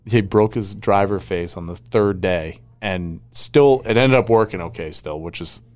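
A man's voice: low-pitched, a little slow, a little mellow, no room sound. A man with a nasal, congested voice, chatting casually and rambling as a podcast co-host. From Maine. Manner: rambling, laughs often. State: congested, recovering from covid. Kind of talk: casual chat.

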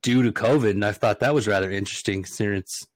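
A man co-hosting a casual podcast in a lowish voice. He rambles with plenty of fillers and jokes. The recording is dry and close. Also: racing, no room sound. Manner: rambling, filler-heavy, jokey. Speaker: podcast co-host. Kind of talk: casual chat.

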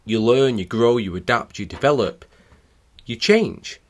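Animated man telling stories. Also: medium pitch, unhurried. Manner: animated storytelling, acting out remembered exchanges. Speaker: cycling coach. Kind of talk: solo podcast storytelling.

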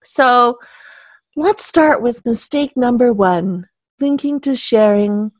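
A woman's voice: fairly high pitch, lively intonation, dry recording. Giggly chatty woman podcast co-host. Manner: giggly, chatty, quick asides. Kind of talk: casual podcast chat.

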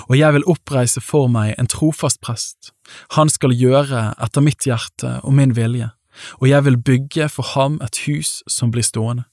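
A man's voice: medium pitch, no echo. Man reading scripture, dry close sound. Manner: measured, even-paced reading with lightly voiced quotes. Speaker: Bible reader.

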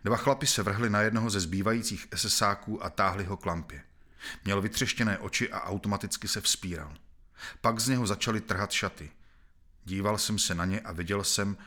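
A man narrating a novel in the first person, reading in a measured, grave manner. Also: low voice, bright, forceful tone.

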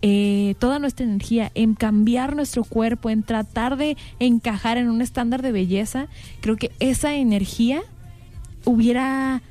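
A woman's voice: on the high side, moderate pace, mellow. A young woman with a Mexican accent, co-hosting a casual panel chat and thinking aloud with frequent fillers. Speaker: podcast co-host.

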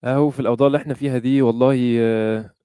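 A man's voice: medium pitch, steady tone, very fast, dark tone, clean tone. A man with an Egyptian Arabic accent chatting casually as a podcast guest, mixing English words into his Arabic. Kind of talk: casual chat.

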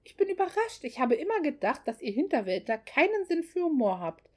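The voice of an older, haughty mother-in-law, as a female reader puts her on, pitched high and carrying, grand and mocking in tone. She talks down to people with a lively lift in her speech, straight out of an audiobook novel. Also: brisk. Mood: amused.

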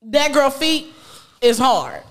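A woman hosting a podcast in sassy, casual banter, quick to laugh and giving relationship advice. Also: sits high, big pitch swings, a bit bright. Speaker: host.

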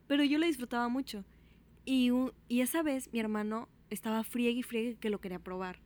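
A Mexican woman tells a childhood story in relaxed conversation, her voice set a little high. She jumps up and down in pitch to act out what each person said, and she keeps a lively, chatty pace. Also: a little fast. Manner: animated, acts out quotes with big pitch jumps. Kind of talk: casual storytelling chat.

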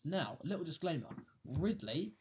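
Higher-voiced teen podcast host. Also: male voice, big pitch swings, moderate pace, dull audio, a little hiss or hum. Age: teens. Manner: jokey, presenting topics. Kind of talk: casual chat.

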